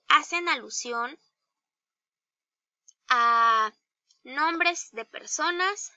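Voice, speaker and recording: A woman teacher with a Mexican Spanish accent, giving a slow, deliberate grammar lesson to young children and asking them questions. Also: high voice, sharp tone, no room sound, dull audio. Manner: slow, deliberate, spells out each example; addresses pupils directly with questions. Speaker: primary school teacher.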